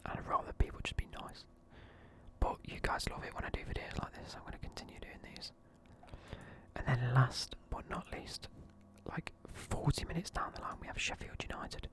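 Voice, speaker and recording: At normal speed and with a mid-range voice, a young creator whispers sleepily throughout his casual video. He reviews football teams and lets out offhand swears.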